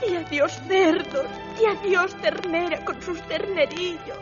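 A woman's voice: high voice, very animated, slow, heavily acted. A woman voicing a dreamy, weepy young milkmaid girl in a children's radio play, wailing in self-pity. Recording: dull radio sound with music.

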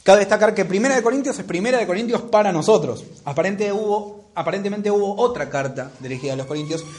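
A man's voice: sits high, animated, fast talker, darkish tone, roomy sound, far from the mic. A man with a Rioplatense accent teaching a Bible lesson in a classroom, talking conversationally and often checking in with "¿sí?" and "¿no?". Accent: Rioplatense Spanish. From Argentina.

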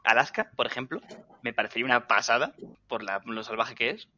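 A man chatting excitably on a podcast, casually swearing. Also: medium pitch, a little fast. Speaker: podcast co-host. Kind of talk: casual chat. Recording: dull lo-fi sound.

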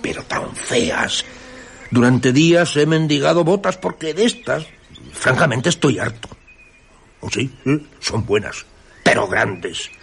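A gravelly, stammering vagabond, acted by a man, whose voice leaps up and down as he grumbles and panics in a radio play. Faint birds and insects hum in the background. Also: medium pitch, lively intonation, measured pace. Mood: grumbling. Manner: stammering, alarmed, easily rattled. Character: bewildered scruffy male tramp, superstitious and blustering. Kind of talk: radio drama acting.

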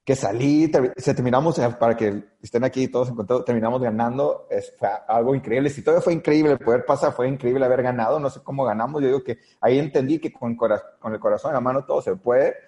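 A man's voice: mid-range voice, fast talker, few pauses, warm tone, reverberant. A man with a Mexican accent, a podcast guest telling his story in an earnest, hesitant way with many fillers. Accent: Mexican Spanish. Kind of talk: storytelling in a conversation. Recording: dull lo-fi audio.

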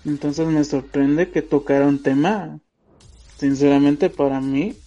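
A man, co-hosting a casual podcast and musing out loud with many fillers. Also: a little high, steady tone. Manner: thoughtful, pauses with fillers, tags "¿va?". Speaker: podcast co-host. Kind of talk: casual opinion chat. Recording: dull lo-fi audio with faint music.

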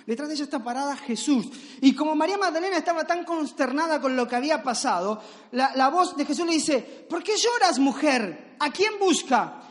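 A male pastor with a very high voice preaches in a loose, storytelling way, peppering his sermon with rhetorical questions. His voice rings out with long reverb from a large hall.

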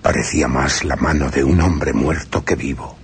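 A young adult male actor plays a young solicitor recounting his frightening journey in tense first-person radio drama narration, sounding fearful over music. His exaggerated voice is very deep and breathy-edged, at a moderate pace.

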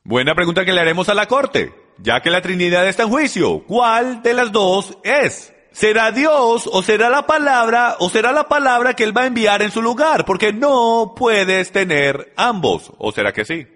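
A man with a high voice gives an emphatic Bible-teaching sermon and calls out to his listeners as friends. His voice rings with a long hall reverb. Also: expressive, normal speed, fairly bright tone. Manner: emphatic, addresses the audience directly.

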